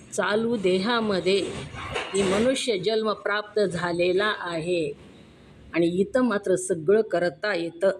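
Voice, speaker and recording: A woman with a Marathi accent giving a devotional scripture discourse, earnest and emphatic, posing rhetorical questions to her listeners. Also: lowish voice. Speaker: religious discourse reader.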